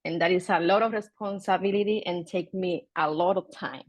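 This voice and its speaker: A woman's voice: fairly low pitch, moderate pace, dry recording. A woman from the Dominican Republic answering on a panel, speaking directly and simply with some slips. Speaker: panelist, former adult learner.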